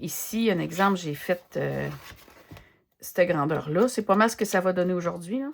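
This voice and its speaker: A woman with a Québécois French accent chatting casually as she works in her art journal, thinking aloud with many pauses and fillers. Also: on the low side, creaky, slight background noise. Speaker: craft vlogger. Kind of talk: casual chat while crafting.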